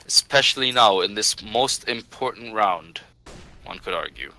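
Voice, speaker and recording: A man doing live play-by-play as an esports caster, excitable and building suspense as the action unfolds. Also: lowish voice, measured pace, poor audio.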